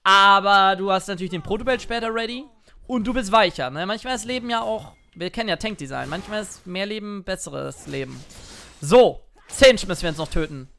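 A man commentating his own gameplay in a playful, excitable way, now and then jumping into shouts. He talks into a headset or desk mic at a home gaming setup. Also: high-pitched, fairly quick, vocal fry. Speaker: gaming streamer. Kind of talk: let's play commentary.

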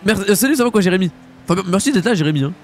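A man's voice: high voice, lively intonation, very fast. A young man streaming a role-play game in casual chat, speaking with a lisp that slurs his s toward sh. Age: young adult. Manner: lisp, slushy sh-like s. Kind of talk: casual chat while gaming. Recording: noisy, with game car sounds behind.

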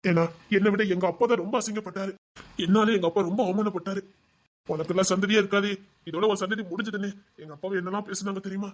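A man's voice: high voice, steady tone, quick pace, close to an everyday voice. A man playing a young husband who has just learned he will be a father, speaking in an emotional, tender way. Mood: earnest. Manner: emotional, tender, promises not to get angry. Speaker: new father. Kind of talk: family web series acting.

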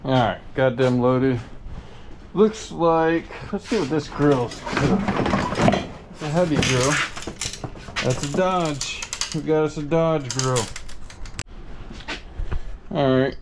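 Man, folksy and slow, thinking aloud, chest-mounted camera, noisy open-air sound. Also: on the high side. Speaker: vlogger sorting a storage unit. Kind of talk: casual chest-cam vlog narration. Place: metal storage unit and gravel lot outdoors. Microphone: chest-mounted action camera. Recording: noisy outdoor action-camera audio.

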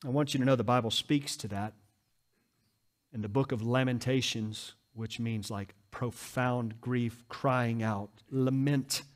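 A man's voice: fairly even intonation, a little slow. Impassioned male pastor preaching. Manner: swings from hushed, quiet lows to loud, rising exhortation. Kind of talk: sermon. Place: church.

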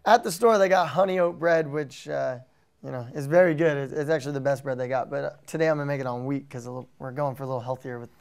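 A young American man chatting in an easygoing, relaxed way with a lot of fillers. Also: medium pitch, fast talker, creaky, smooth. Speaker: guest. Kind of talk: casual chat.

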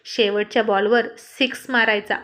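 A woman's voice: a little high, steady tone, moderate pace, fairly bright tone. Woman reading a family story aloud. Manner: reads every character herself in a light conversational tone. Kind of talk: scripted story narration.

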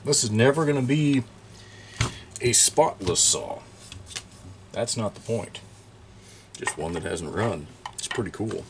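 A man's voice: lowish voice, animated, measured pace, pauses often, noisy background. Chatty man in a repair workshop. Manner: chatty, thinking aloud while working, bursts of surprise. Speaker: chainsaw repair channel host. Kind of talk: casual workshop show-and-tell.

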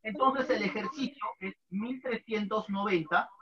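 Teaching an online math class at a whiteboard in a small room, a man in his thirties patiently repeats each step and quizzes his students. His voice is high and a little slow; the audio is dull, with crowd noise.

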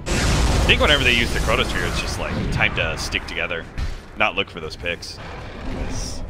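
A man giving play-by-play commentary on a competitive video game match, speeding up into rapid excited calls during fights. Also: deep voice, over loud music. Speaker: esports caster.

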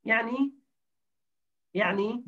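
Husky guy teaching a class, keeps asking students questions, sounds far off and kinda muffled. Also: very high-pitched, slow pace, fairly bright tone. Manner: explains patiently, quizzes students with questions. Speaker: grammar teacher. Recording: distant dull lo-fi recording.

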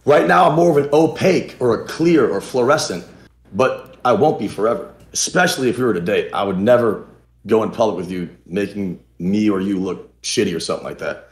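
Low-voiced young man on an echoey call. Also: fairly quick. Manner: deadpan trolling with frequent laughs. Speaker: dating contestant. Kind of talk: casual video-call chat. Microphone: video call. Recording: echoey room.

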